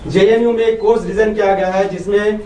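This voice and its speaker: Distant high-voiced male reporter. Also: steady tone, a little fast, dark tone, a little hiss or hum. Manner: polite, addresses the speaker as sir. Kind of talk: press question. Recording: echoey, distant from mic.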